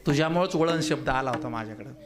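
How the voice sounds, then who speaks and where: A man preaching a kirtan sermon, telling humorous stories and questioning the crowd, swinging between loud exclamations and quiet asides. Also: mid-range voice, quick pace. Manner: teasing, asks the audience questions.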